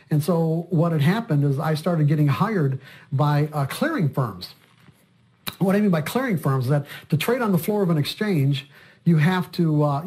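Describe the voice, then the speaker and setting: An older man with a slightly high voice tells a long story in an interview. He explains things as a trading coach would. He often doubles back and repeats words as he goes. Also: mellow.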